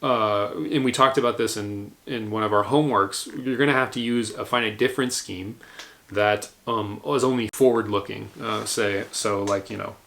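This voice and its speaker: Gravelly-voiced man giving a university lecture. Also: on the low side, steady tone, moderate pace, fairly bright tone. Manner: explains step by step with many fillers and restarts. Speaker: engineering lecturer.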